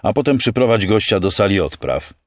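A calm starship commander, as a male narrator plays him, giving orders in a very low, measured voice. His delivery stays steady and commanding. The recording is dry and close. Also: no room sound. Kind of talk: audiobook character voice.

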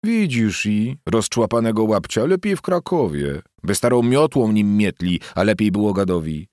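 Audiobook: male narrator voicing a shrill, mocking peasant wife, sharp-tongued, lively pitch. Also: moderate pace, dry recording, clean studio sound. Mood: scolding.

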